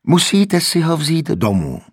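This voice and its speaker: A man's voice: fairly low pitch, big pitch swings, breathy edge, dry recording, studio quality, full character voice. A man voicing a stern hospital nurse who speaks firmly and insistently. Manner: stern, firm.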